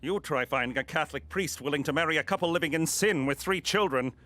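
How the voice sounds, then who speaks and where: A man's voice: fairly high pitch, fast talker, bright, forceful tone, slight background noise. A man voicing a wry, defensive wedding officiant in a cartoon, dry and impatient.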